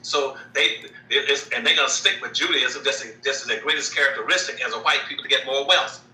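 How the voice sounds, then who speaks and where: Forceful man, bright, heard from afar. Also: mid-range voice, fairly quick, far from the mic. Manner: forceful, repeats key phrases. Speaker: guest. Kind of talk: emphatic lecturing. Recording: roomy sound, away from the mic.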